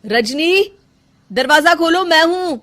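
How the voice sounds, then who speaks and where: Woman voicing a gentle young husband. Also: very high-pitched, animated, slow pace, exaggerated voice. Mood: concerned. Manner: coaxing, questioning. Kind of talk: animated story voice acting.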